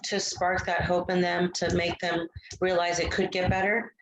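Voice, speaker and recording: A woman's voice: on the low side, little pitch movement, normal speed. A woman taking part as a student in a class discussion, speaking earnestly with fillers. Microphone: video call. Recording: echoey room, clear background noise.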